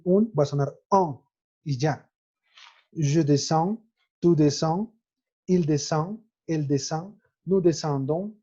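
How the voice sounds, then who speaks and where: A man's voice: fairly high pitch, dark tone, slightly rough, dull audio. A man, teaching French grammar in an online lesson and spelling out verb endings letter by letter.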